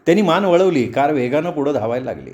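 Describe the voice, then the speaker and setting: A man reading a novel aloud as a storyteller, measured and expressive. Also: fairly high pitch. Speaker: audiobook storyteller. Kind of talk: novel narration.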